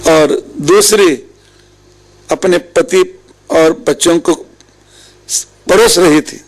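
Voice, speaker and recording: A man with an Indian accent, his voice a little high, gives a devotional discourse in a low-quality recording. He is a religious storyteller, retelling scripture stories at an unhurried pace and quoting the characters' dialogue.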